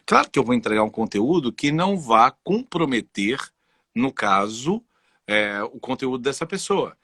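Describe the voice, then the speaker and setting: A Brazilian-accented man speaks as a guest in a relaxed interview, animated and personal as he tells stories. His voice is husky yet bright and forceful. The sound is dry and close. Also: mid-range voice, normal speed, no room sound. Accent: Brazilian Portuguese. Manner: animated, personal storytelling with frequent "entendeu?". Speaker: guest voice and communication specialist. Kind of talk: casual conversational interview.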